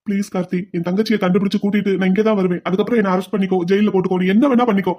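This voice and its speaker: Performer playing a hot-headed cartoon brother, rapid talk, pleading and shouting, mid pitch. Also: fairly even intonation, lightly acted. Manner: shouting in anger, then pleading tearfully. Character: hot-tempered man, desperate brother turned penitent. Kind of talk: cartoon voice acting.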